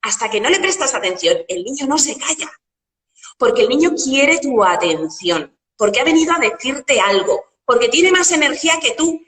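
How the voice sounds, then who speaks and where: Animated woman in an echoey room. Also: high-pitched, moderate pace, recorded from a distance. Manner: animated, explains with metaphors and rhetorical questions. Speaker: guest coach.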